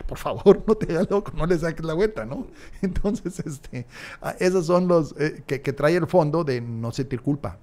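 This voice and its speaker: A gravelly, dark-toned man in his sixties, speaking as a podcast guest. He talks in a reflective yet emphatic way, often restarting his sentences, close on a desk mic in a small studio. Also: mid-range voice, slight background noise. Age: 60s. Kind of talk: casual interview chat. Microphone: large desk mic, headphones.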